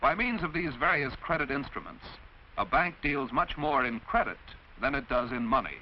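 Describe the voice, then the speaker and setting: In the style of an instructional film from the mid-century, an American man does the narration. His voice sits at a medium pitch with animated intonation, and his delivery is measured, precise and teaching in tone. Faint noise runs under the dull sound of the aged film audio.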